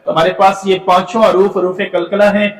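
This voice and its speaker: A man teaching a tajweed lesson from slides, explaining patiently with filler pauses and sounding out demonstration syllables. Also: sits high, flat delivery, reverberant, far from the mic, rough recording. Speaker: Quran recitation teacher.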